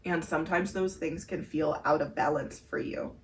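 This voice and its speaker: A woman's voice: low voice, steady tone, moderate pace, recorded from a distance. A woman co-hosting a podcast, earnestly explaining breathing exercises in casual chat with many fillers. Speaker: podcast co-host. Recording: echoey room heard from afar.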